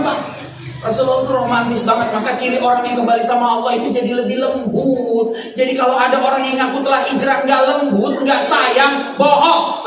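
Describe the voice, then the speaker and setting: A man's voice: extremely high pitch, a bit bright, slight background noise. A man preaching a humorous sermon in a mosque, teasing the crowd and acting out quoted voices. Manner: joking, teasing the audience, acts out quoted voices. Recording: echoey hall, mic far off.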